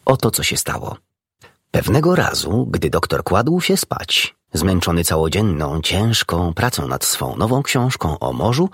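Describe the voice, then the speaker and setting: A man reading a children's book aloud as an audiobook narrator, in expressive scripted narration. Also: sits low, breathy edge, no echo, clean studio sound.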